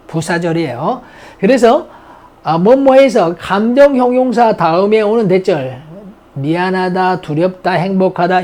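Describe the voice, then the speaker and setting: An unhurried grammar teacher works through a vocabulary list, saying each English word several times before explaining it. The voice swings widely up and down, and the teacher keeps posing and answering their own questions. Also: medium pitch, a little mellow. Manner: drills words by repeating them, asks and answers own questions; mixes English words into slow explanations.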